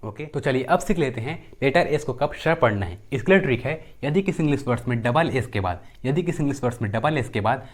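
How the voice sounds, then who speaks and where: A man's voice: mid-range voice, animated, fairly quick, few pauses. A young man teaching pronunciation, repeating each rule and example word and answering his own questions. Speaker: English teacher. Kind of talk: pronunciation lesson.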